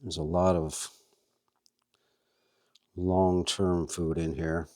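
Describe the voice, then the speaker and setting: A man's voice: deep voice, level tone, very slow, dark tone, no room sound. A man hosting a casual how-to video, chatting as he works and talking to his worms. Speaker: vlog host and worm farmer.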